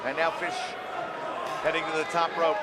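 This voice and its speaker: A man doing excited, emphatic play-by-play as a professional wrestling commentator, in short punchy calls. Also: a little high, normal speed. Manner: emphatic, punchy calls that rise to shouts at big moves. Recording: loud arena crowd noise behind commentary. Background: cheering crowd and ring slams.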